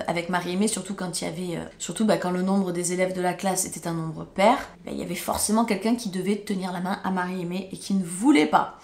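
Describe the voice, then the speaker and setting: A woman's voice: mid-range voice, darkish tone. A woman from France telling a storytime vlog in an emotional, indignant way, swearing when she gets angry. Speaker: YouTuber. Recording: roomy echo.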